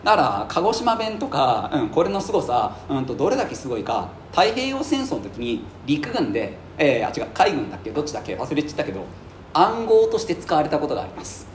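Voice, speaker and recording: Rapid, joking male history teacher. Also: on the high side, sing-song, roomy sound, a little hiss or hum. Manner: rapid, jokey, chatty, with frequent fillers and laughs. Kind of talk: casual joking history lecture. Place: classroom.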